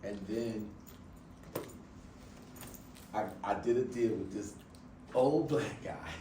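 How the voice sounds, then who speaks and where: A man hosting a book club in a casual chat, with a voice that rises and falls as he tells a lively story. He sounds a little away from the mic, in a roomy space with faint noise behind him. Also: on the low side, takes it slowly, recorded from a distance. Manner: animated storytelling, voice rising and falling with excitement. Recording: echoey room with faint background noise.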